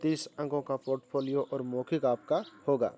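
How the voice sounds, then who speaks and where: A man's voice: mid-range voice, fairly even intonation, normal speed, mellow, highs cut off. A male teacher going through an exam paper, repeating questions back to his students and spelling words out letter by letter. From India.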